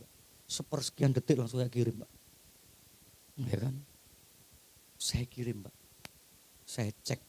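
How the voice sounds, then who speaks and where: A male pastor with an East Javanese accent preaching a sermon to a church congregation. He swings between loud exclamations and hushed whispers and keeps addressing the listeners directly. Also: medium pitch, vocal fry, breathy edge. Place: church hall.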